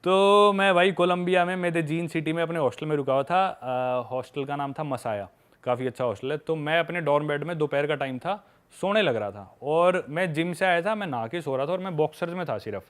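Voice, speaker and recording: A man's voice: fairly high pitch, fairly quick, clean tone. A young man, a podcast guest who makes travel videos, chatting casually and frankly as he tells stories from his trips. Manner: lively, frank, addresses listener as brother. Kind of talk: casual storytelling chat.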